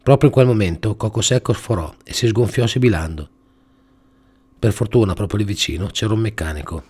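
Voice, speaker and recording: A man hosting a show, reading a comic story aloud in a dry, even manner. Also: lowish voice, a little fast, slightly rough. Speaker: storyteller host.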